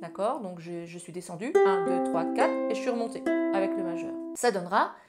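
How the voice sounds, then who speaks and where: A woman's voice: on the low side, fairly quick. A woman giving a casual ukulele tutorial, explaining chords and strumming step by step in a friendly way. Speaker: ukulele teacher. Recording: loud ukulele music under voice. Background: loud ukulele playing.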